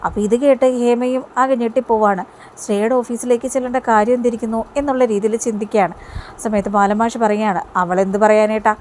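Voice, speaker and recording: A woman's voice: fairly high pitch, steady tone, fast talker, darkish tone, slight background noise. Chatty woman retelling a soap episode. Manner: chatty, storytelling. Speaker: TV serial reviewer.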